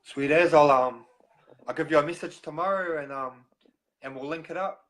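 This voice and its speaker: A man with a broad New Zealand accent hosts a casual live stream. His delivery is halting, with pauses breaking up his sentences as he addresses viewers and guests. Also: on the high side, fairly bright tone, low-quality recording. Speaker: host of a recovery live stream.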